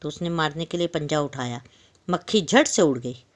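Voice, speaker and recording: A woman teacher with a fairly low voice, reading a story to young pupils and then retelling each line in her own words. She keeps stopping to explain words and to ask the class questions. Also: lively intonation, normal speed. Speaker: school teacher. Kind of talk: storytelling lesson for young children.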